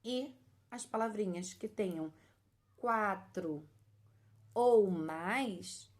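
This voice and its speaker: Woman teacher for a kids' lesson: unhurried, breaks words into slow syllables, keeps checking the kids are with her. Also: mid-range voice, a little mellow. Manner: affectionate diminutives, checks in often. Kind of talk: children's lesson.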